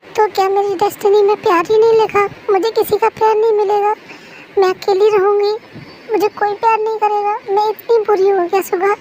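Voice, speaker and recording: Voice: very high voice, little pitch movement, moderate pace, a little hiss or hum, rough recording. Someone voicing a heartbroken young wife in a fan-made audio drama, tearful and pleading with a breaking voice.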